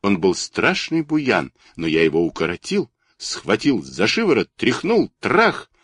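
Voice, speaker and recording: A man's voice: fairly low pitch, huge pitch swings, unhurried, fairly bright tone, husky, dry recording, studio quality, exaggerated voice. A man voicing a boastful, quarrelsome little male toy figurine with a bragging, squealing manner.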